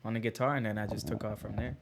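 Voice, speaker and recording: A man's voice: lowish voice, steady tone, rapid-fire, vocal fry, background noise. A man co-hosting a casual chat, enthusiastic and laid-back with slang. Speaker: podcast co-host.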